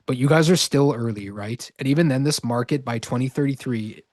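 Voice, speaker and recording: Brief: male webinar host, mid-range voice, dry close sound, a bit hoarse, keeps asking "right?". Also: medium pitch, brisk, a little mellow, dry recording. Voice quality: verbal tic, repeating "right?". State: slightly hoarse. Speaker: online course host. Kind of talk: live webinar sales pitch.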